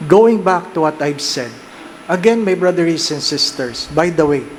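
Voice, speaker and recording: A Filipino priest preaching a homily in a fairly high voice, taking his time with each phrase. He switches between Tagalog and English and keeps checking in with the congregation through questions. A faint hum of noise sits behind him. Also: animated, measured pace, low-quality recording. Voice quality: mixes Tagalog and English, asks the listeners frequent rhetorical questions. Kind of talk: sermon.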